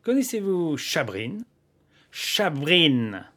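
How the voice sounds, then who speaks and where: An actor playing a hot-headed, jealous young man, sharp and mocking in a radio drama. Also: on the high side, sing-song, drawn-out words, heavily acted.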